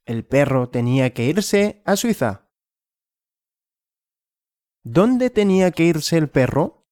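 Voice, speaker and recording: Male language teacher, question-and-answer story lesson, slow and clear, animated pitch, dry close sound. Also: no echo. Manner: slow, clear and repetitive, asking and answering his own questions.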